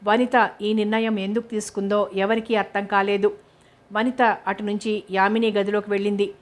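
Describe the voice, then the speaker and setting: A woman narrating a novel as an audiobook, reading in a steady, measured way. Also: mid-range voice.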